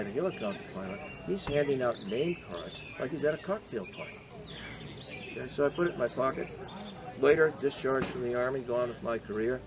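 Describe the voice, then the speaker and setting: A man in his seventies from the Boston area, a veteran being interviewed, telling his story in a measured, earnest way with frequent hesitations. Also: medium pitch, background noise. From Boston area, USA. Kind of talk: reflective personal storytelling.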